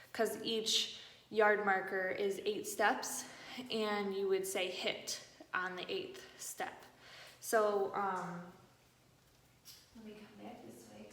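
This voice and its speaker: Female marching instructor, mid-pitched, parade-commander style commands and counts amid casual explanation; heavily echoing room with faint noise. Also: little pitch movement, slow, a bit bright. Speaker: marching band drill instructor. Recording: very echoey room, far from mic, faint noise.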